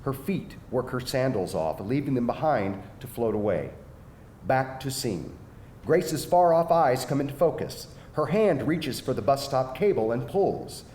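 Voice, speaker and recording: A man narrates the stage directions of a screenplay during a live table read, sounding very animated yet keeping a measured pace and a warm tone. The live room is echoey, with a faint rumble underneath.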